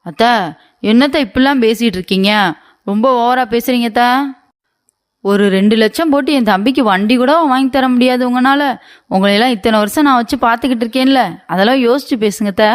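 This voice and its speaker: A woman voicing a demanding young wife in an animated story, complaining and pleading with her husband. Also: fairly high pitch, fairly quick, close to an everyday voice. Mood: aggrieved.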